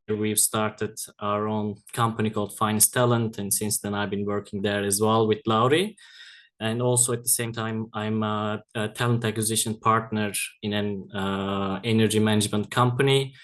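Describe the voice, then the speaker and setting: A man's voice: fairly low pitch, fairly bright tone. A man from Turkey, a recruiter co-hosting a webinar, introducing himself with frequent fillers. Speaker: co-host, recruiter.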